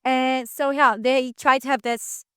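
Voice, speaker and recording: Give me a young woman chatting casually on a podcast, eager and rambling, with a clear, smooth voice. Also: sits high, level tone, measured pace, a bit bright, dry recording, studio quality. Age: young adult. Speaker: podcast co-host. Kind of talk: casual chat.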